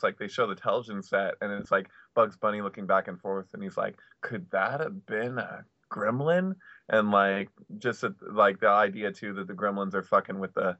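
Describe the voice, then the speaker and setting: A fairly low-pitched man talks haltingly, packing his sentences with "like" and stopping to restart them. His voice is bright, and the sound is dry and somewhat lo-fi. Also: no echo. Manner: halting, heavy use of "like", many restarts. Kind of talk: casual chat. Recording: dry, lo-fi audio.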